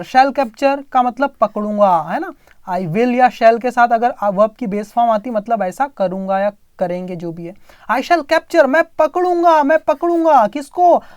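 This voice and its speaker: A woman's voice: a little high, a little mellow, no room sound, studio quality. A woman with an Indian accent teaches English by reading a story line by line, explaining each line in Hindi and asking herself questions as she goes. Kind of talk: line-by-line story translation lesson.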